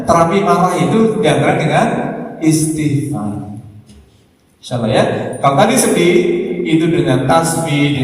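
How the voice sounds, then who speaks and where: A man giving an animated Islamic lecture, speaking straight to the congregation. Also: mid-range voice. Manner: animated, addresses listeners as Pak and Bu, acts out quarrels. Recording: echoey hall, voice from far off.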